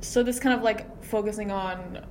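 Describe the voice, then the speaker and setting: A woman's voice: medium pitch, steady tone, normal speed, slight background noise. A woman asking interview questions hesitantly, with lots of fillers. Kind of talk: casual interview.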